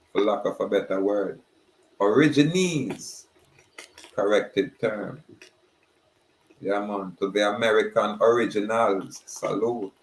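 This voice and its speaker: A man giving a slow, emphatic preaching monologue. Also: fairly low pitch, slight background noise. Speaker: spiritual speaker. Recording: roomy echoey recording.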